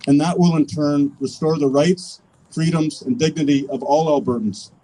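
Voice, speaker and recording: A man with a Canadian accent giving a political rally speech as an activist, in earnest, measured, declarative phrases. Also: a little high, fairly even intonation, dark tone, poor audio. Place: public rally, speaking to an audience.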